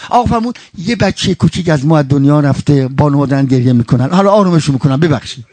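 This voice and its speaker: A man preaching a mourning sermon, impassioned and swearing oaths, with sweeping swings from high to low and quoted Arabic phrases. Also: expressive, a little mellow, no echo.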